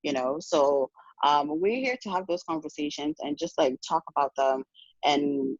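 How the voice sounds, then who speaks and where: A woman's voice: low voice, animated, moderate pace, no echo. A woman from Ghana talks frankly and earnestly on a podcast, circling back and restarting her thoughts. The sound is slightly dull and muffled, with a dry, close feel. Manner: earnest, frank, with many restarts and "you know". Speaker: podcast guest. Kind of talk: casual podcast conversation.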